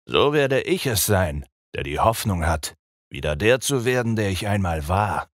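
A man reading an audiobook, voicing a cruel ancient male vampire count who roars in anger and broods softly when calm. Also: medium pitch, moderate pace, dry recording, studio quality, pitched above the performer's own voice. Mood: soft longing. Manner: roaring and commanding when angry, soft and brooding when calm.

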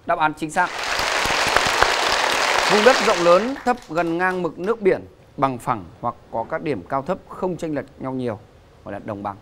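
High-voiced male game show host. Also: lively intonation, moderate pace. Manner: announces answers and prompts contestants. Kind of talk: lively game show hosting. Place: TV studio with audience. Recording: studio show with music and crowd. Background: music and audience noise.

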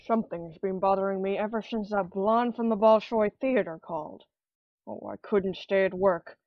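An actor voicing a flustered, panicky neighbour who stammers and exclaims. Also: female voice, medium pitch, moderate pace, dull audio, lightly acted.

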